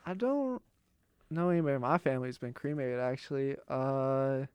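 A man's voice: mid-range voice, normal speed, a little mellow, clean tone, dry recording. A young American man talking in an easygoing, conversational way in a casual chat. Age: young adult.

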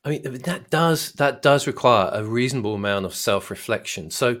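A man hosting a podcast puts long, winding questions to his guest in an engaged way. His voice has a middling pitch for a man, and he sounds like an everyday speaker rather than a trained announcer. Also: lively intonation, moderate pace, fairly bright tone. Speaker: podcast host. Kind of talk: interviewer asking questions.

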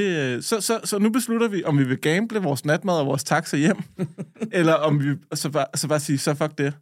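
A man co-hosting a podcast, telling stories in a casual, animated way with swearing and laughter. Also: medium pitch, dry recording, studio quality. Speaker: podcast co-host. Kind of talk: casual storytelling chat.

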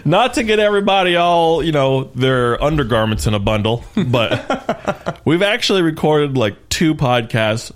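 A man's voice: a little high, very animated, measured pace. A young man co-hosting a casual golf podcast, joking and swearing with a friend and laughing often. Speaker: podcast co-host. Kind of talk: casual chat.

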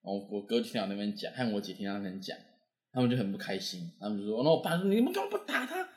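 A young man, accented in Taiwanese Mandarin, rattles off a story in rapid-fire fashion with a fairly low voice. The casual telling is animated, and he mimics the voices of the people involved.

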